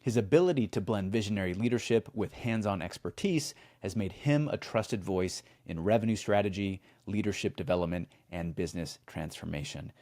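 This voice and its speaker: A man's voice: fairly low pitch, a little fast, few pauses, darkish tone. A man co-hosting a podcast, chatting casually and then reading the show promo and guest introduction in an upbeat announcer manner. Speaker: podcast co-host.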